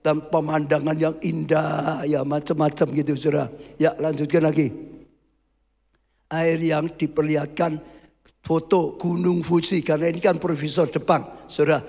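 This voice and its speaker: A man's voice: fairly high pitch, flat delivery, moderate pace, creaky, a little mellow. A man, preaching a sermon as pastor, emphatic and often calling out to the congregation as brothers. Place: church hall. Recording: long hall reverb.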